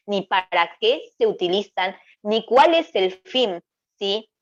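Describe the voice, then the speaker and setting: A woman giving an online lecture over slides, explaining through rhetorical questions and checking with "¿sí?". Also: medium pitch. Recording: slightly dull lo-fi recording.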